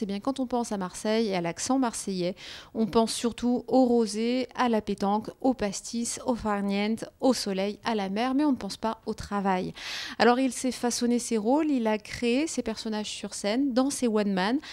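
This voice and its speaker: A woman with a fairly high voice presents a guest on a regional culture show. She reads a measured, scripted introduction. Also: darkish tone.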